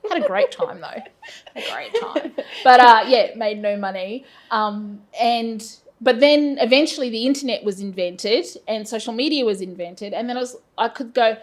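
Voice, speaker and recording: In a relaxed interview, a Brisbane business owner in her fifties speaks at a moderate pace, her voice on the high side with lively intonation. The Australian woman rambles through her answers, pokes fun at herself, and leans heavily on fillers.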